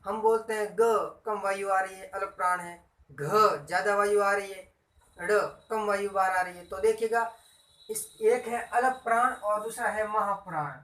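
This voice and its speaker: A man's voice: high voice, fairly even intonation, unhurried, a bit bright, recorded from a distance. A man teaches grammar in a classroom style, going over each point again and putting questions to his listeners. His voice bounces around an echoey room. He sits well back from the microphone. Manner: repetitive, quizzing listeners with questions.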